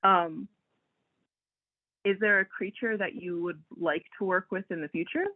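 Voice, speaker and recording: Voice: mid-range voice, steady tone, a little slow. An interviewer asking questions, hesitant, opening them with "um". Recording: tinny phone-like line.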